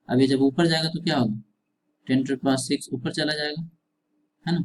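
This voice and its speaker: A man lecturing on engineering, with a voice a little higher than most. He asks the class a question, then answers it and says it again, and he checks in often with "है ना". He, and there is a faint hiss behind him. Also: darkish tone, rough recording. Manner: repeats questions and answers, frequent tag "है ना". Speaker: engineering teacher.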